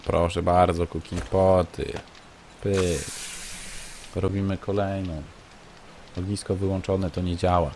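A man with a lowish voice talks slowly through his game, grumbling and tossing off sarcastic remarks to himself. His commentary stays casual and unhurried. Faint rain from the game patters behind him. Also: level tone, a little mellow, a little hiss or hum. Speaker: let's play gamer.

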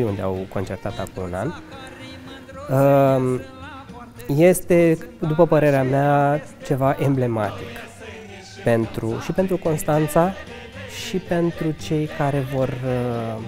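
A man's voice: mid-range voice, over music. A man in his thirties from Romania, a restaurant manager answering interview questions earnestly, with restarts and eager asides. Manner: earnest, enthusiastic, occasional laughs and restarts. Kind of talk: conversational interview. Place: restaurant lounge with fireplace. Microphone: handheld mic held by interviewer.

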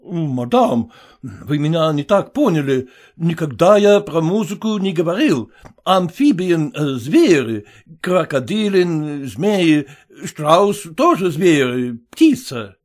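A polite foreign porter speaks slowly and haltingly, in broken phrases, as a male narrator puts him on. He stays patient and calm, and his voice sits fairly high. This is a storybook reading. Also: exaggerated voice.

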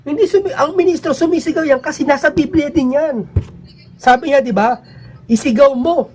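A man talking casually to his viewers in a rambling, emphatic way, his pitch swinging up and down. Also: a little fast, a little mellow, slight background noise. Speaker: vlogger.

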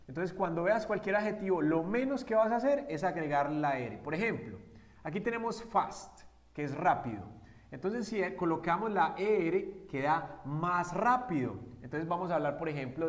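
A man teaching an English grammar lesson to Spanish speakers, explaining step by step and often checking with short questions. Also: on the high side. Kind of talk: classroom-style grammar lesson.

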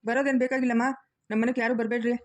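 A woman's voice: on the high side, level tone, rapid-fire, lightly acted. A woman playing a greedy, harsh village uncle who nags and scolds. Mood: hostile. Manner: scolding, nagging with repeated "ha?". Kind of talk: family drama acting.

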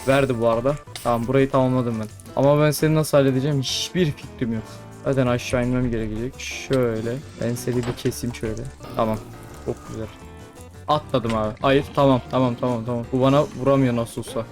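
A young man commenting on his gameplay as he plays, talking to the creatures on screen and calling out excitedly. His voice sits at an ordinary pitch, with faint music playing behind him. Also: fast. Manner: chatty, talks to mobs, frequent excited exclamations. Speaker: gaming YouTuber.

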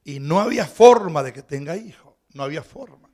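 A middle-aged man with a Rioplatense Spanish accent, preaching a sermon as pastor in a storytelling way, shifting between loud preaching and quiet asides and asking the congregation questions. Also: on the high side, expressive, a little fast.

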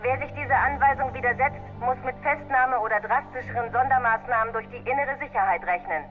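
A cold, official security announcer in a video game, giving a stern, commanding warning over an air raid loudspeaker. The voice sounds thin and phone-like, with music faintly behind it. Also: mid-range voice, fairly quick. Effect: air raid style loudspeaker announcement.

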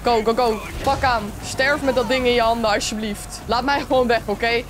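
Excitable Dutch woman narrating her gameplay. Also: fairly high pitch, moderate pace, noisy background. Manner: chatty, excitable, talks to her viewers. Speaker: gaming streamer. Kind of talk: let's play commentary.

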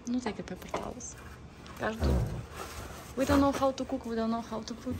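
A woman handling a roast turkey in her home kitchen talks a little fast in a slightly high voice, filming on a phone camera she holds herself. It's casual vlog chat, full of excitement, laughter and frequent exclamations, captured in a noisy phone recording.

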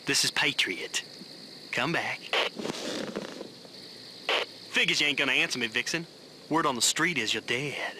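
A man's voice: high voice, pushed and bright, a little hiss or hum, heavily acted, poor audio. An actor playing a swaggering male driver who calls a rival over CB radio in trucker slang, with a taunting drawl, in game audio over music.

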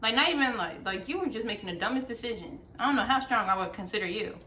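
A woman hosting a reaction video, chatty and exclaiming, quick to laugh at what she watches. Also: on the high side, expressive, sharp tone, a little hiss or hum. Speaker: video host reacting to a series. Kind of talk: casual reaction commentary.

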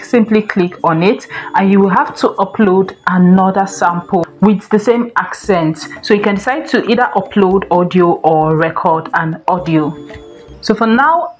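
A woman with a somewhat low voice guides viewers through a screen-recorded software tutorial one step at a time. Her delivery is steady and instructional, with faint music underneath. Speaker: tech tutorial host.

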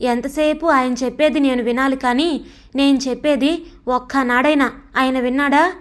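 The reader is a woman whose natural voice sits high, her tone steady and her pace moderate. Voicing a resentful, stubborn teenage son in a storybook, she makes him sulk, defy, and mouth off sarcastically.

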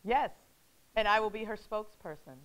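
A woman's voice: mid-range voice, moderate pace, fairly bright tone. A woman hosting a casual talk show, playful and giggly, echoing her guests' words back to them. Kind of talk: casual chat show interview.

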